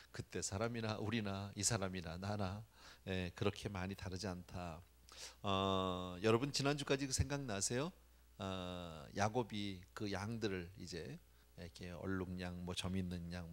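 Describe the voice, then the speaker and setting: A man's voice: low voice, moderate pace. A male pastor giving a conversational sermon at a church prayer meeting, often dropping "yes" between phrases.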